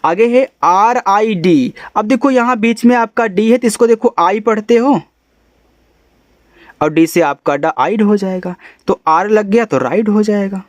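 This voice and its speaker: A man, teaching English phonics, spelling letters out slowly and sounding words out in a chatty way. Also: high voice, dry recording. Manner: calls the listener brother, chatty teaching. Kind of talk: phonics lesson for beginners.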